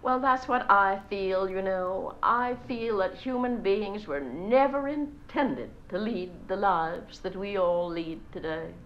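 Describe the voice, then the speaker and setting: A woman plays a gossipy, bossy society mother in a lightly acted solo stage monologue, gushing to friends and scolding her children between sentences. Her mid-range voice moves slowly with hardly any pauses, and the dull old recording has a little hiss or hum.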